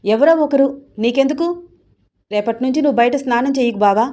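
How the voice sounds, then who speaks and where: A woman voicing a fiery young wife who teases her husband and snaps at him, quick to raise her voice and scold. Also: fairly high pitch, highs cut off, close to an everyday voice. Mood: sharp. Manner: teasing, scolding, quick to shout. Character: fiery young wife, playful then fiercely jealous.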